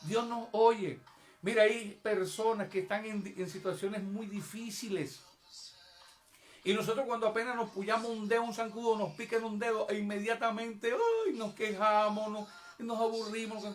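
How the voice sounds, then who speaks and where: High-voiced emphatic male preacher. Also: normal speed, soft background music. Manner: emphatic, addresses the congregation directly; acts out prayers and pleas in a raised voice. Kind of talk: evangelical sermon. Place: church service.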